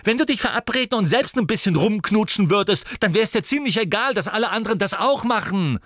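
A man voicing a fiery, sharp-tongued teenage girl who mocks and shouts in shrill, rapid outbursts. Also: expressive, no echo, clean studio sound. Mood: furious.

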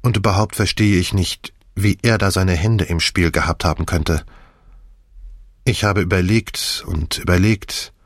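A man reading an audiobook and voicing a tired, haunted woman confessing slowly. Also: low voice, fairly even intonation, no room sound, studio quality. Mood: weary. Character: weary woman in her thirties, haunted.

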